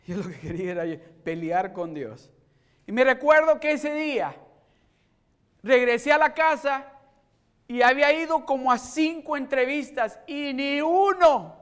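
A middle-aged male preacher telling a personal testimony in a sermon, moving from soft storytelling to shouted exhortation and mixing Spanish with English. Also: very high voice. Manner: switches between Spanish and English.

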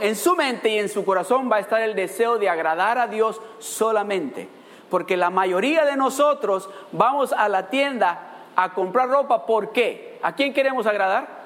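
High-voiced man preaching in a reverberant hall. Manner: animated, acts out quoted voices. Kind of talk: sermon.

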